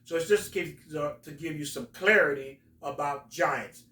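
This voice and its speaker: A man hosting a talk, explaining religious stories in a halting, emphatic storytelling way. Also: on the high side, bright, forceful tone. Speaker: host, religious teacher. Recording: roomy echo, distant from mic.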